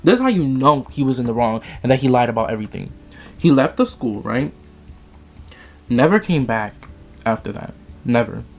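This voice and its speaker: A man's voice: medium pitch, big pitch swings, normal speed, pauses often, soft background music. A young man vlogging, telling a dramatic, profane story in a casual way while he does his makeup.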